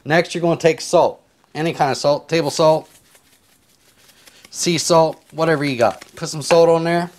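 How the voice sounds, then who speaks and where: A man giving a casual cooking tutorial in his home kitchen, chatting in a relaxed, rambling way as he chops and seasons, recorded on a lapel mic. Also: on the high side, moderate pace, long pauses, slight background noise. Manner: relaxed, rambling step-by-step explanations with filler words. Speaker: home cook. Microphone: clip-on lapel mic.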